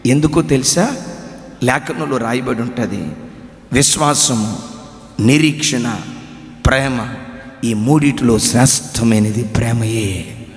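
A male pastor preaching a dramatic sermon, swinging between shouted exhortation and hushed low tones and firing off rapid rhetorical questions. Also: echoey room, big-room sound.

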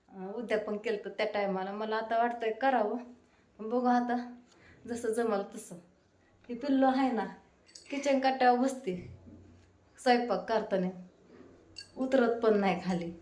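A woman's voice: mid-range voice, darkish tone. A woman in her thirties, a mother chatting casually to her viewers while doing chores at home. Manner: chatty, talks straight to viewers while busy. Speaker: mother and vlogger. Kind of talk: casual home vlog chat. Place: home, kitchen. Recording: echoey room.

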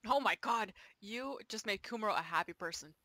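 A woman's voice: medium pitch, expressive, fairly quick, bright, forceful tone, dry recording, clean studio sound. A woman chatting with other players during an online game, giggling often. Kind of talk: casual voice chat.

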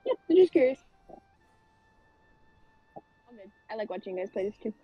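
A woman chatting quickly over voice chat through earbuds, her voice hollow and echoing as if she were in a cave. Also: on the high side, sing-song, husky, faint music behind. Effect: hollow cave-like echo on voice chat. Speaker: friend on voice chat. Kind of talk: casual chat. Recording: dull lo-fi voice chat, cave-like echo.

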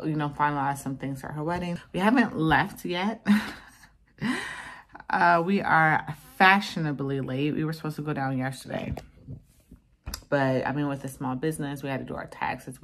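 Low-voiced woman in her thirties vlogging. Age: 30s. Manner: chatty, talks straight to viewers. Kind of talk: casual vlog chat. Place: home room, indoors. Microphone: phone or camera at close range.

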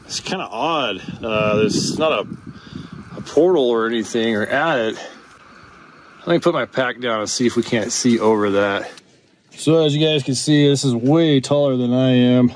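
A man's voice: mid-range voice, moderate pace, slight background noise. Laid-back man vlogging outdoors. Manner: laid-back, chatty, many fillers. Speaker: vlogger exploring mines. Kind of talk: casual vlog narration. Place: outdoors hiking and inside mine tunnels.

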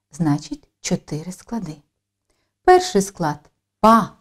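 A woman teacher narrating a lesson in a slow, careful, deliberate way. Her voice is mellow and soft-edged, and her pitch moves freely up and down as she stresses each step.

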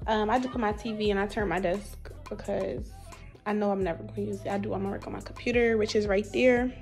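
A woman's voice: medium pitch, steady tone, fast, darkish tone. Young college girl showing off her dorm stuff, chatty, faint music in the back. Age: young adult. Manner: chatty, listing items, addresses viewers as y'all. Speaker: college freshman vlogger. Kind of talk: casual dorm tour vlog. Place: small dorm room indoors.

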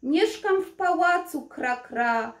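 A woman voicing a spoiled young princess turned into a crow, cawing in a high plaintive voice. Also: lively intonation, slow, full character voice. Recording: roomy echo.

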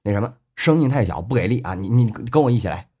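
A man voicing an exuberant young rich heir who shouts and urges others on. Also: on the low side, animated, fast talker, breathy edge. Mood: urging loudly. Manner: shouting, stammering when overwhelmed.

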